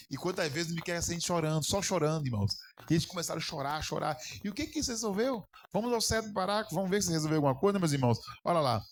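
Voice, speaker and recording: A man's voice: high-pitched, a bit bright, a little hiss or hum. A man preaching a sermon on a Bible lesson as pastor, often stopping to ask the congregation questions and calling them brother.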